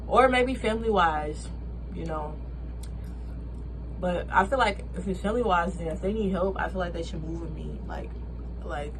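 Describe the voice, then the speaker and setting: Rambling young woman vlogger, humming background. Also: fairly low pitch. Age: 20s. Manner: rambling, with many filler words and restarts. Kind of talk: casual personal vlog talk. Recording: steady background hum.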